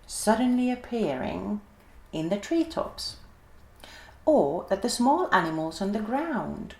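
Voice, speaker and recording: A woman gently and expressively reading a children's story aloud in an echoey room. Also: medium pitch.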